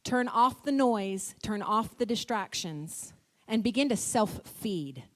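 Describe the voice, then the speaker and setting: A woman giving a motivational church talk, emphatic and repetitive, with quick bursts of speech. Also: mid-range voice, lively intonation. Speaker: motivational speaker. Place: church hall. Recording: long church hall reverb.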